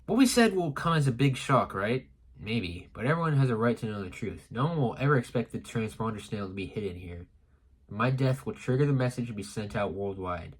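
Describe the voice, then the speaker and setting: Guy casually reading comic lines out loud, steady plain voice, mid pitch. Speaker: streamer reading a comic aloud. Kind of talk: casual read-aloud reaction.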